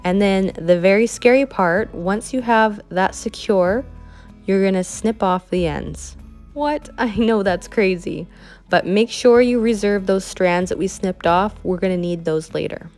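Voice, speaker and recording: A woman's voice: medium pitch, a little slow, a little mellow, faint music behind. Chatty Canadian woman teaching a craft. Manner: friendly, chatty step-by-step explaining. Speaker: craft instructor. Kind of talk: tutorial voice-over.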